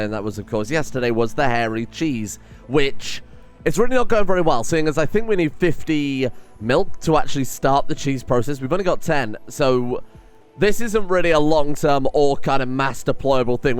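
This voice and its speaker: A man's voice: mid-range voice, clean tone. A man who is a bit under the weather, giving casual, rambling game commentary with dry, joking asides. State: slightly under the weather, voice not fully woken up. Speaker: gaming video host. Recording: light music behind the voice. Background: music.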